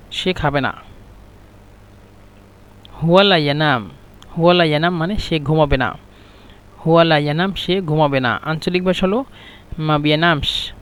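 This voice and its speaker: Male language teacher, somewhat high voice, patient step-by-step drilling of phrases. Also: smooth. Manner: repeats phrases slowly and explains pronunciation. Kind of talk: spoken language lesson.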